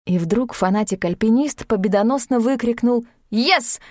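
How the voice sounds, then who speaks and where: Woman reading a novel aloud, lively, dry close mic. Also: mid-range voice, moderate pace, no echo. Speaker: audiobook narrator. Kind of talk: scripted narration.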